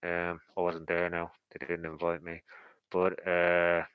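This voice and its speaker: A man with a low, smooth voice talks through boxing in a casual commentary style. His delivery stays fairly flat and conversational as he thinks aloud and speculates in a rambling way. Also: a little slow, no room sound, narrow, tinny audio.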